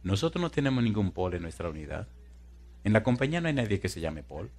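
A man voicing a firm, matter-of-fact fire captain who flatly denies something, acted within a sermon. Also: on the low side, quick pace. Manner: firm, flat denial.

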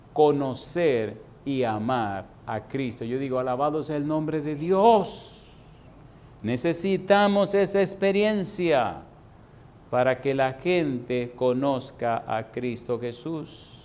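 A man preaching a sermon, asking the audience questions and reading verses slowly and emphatically. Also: fairly high pitch, a little mellow. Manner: emphatic, asks the audience rhetorical questions, reads scripture slowly.

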